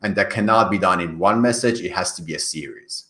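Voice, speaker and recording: A native Farsi speaker from Iran, appearing as a podcast guest, answers interview questions as a career coach in an earnest, explanatory, conversational way. His low voice is brisk, bright and forceful, recorded in an echoey, reverberant room.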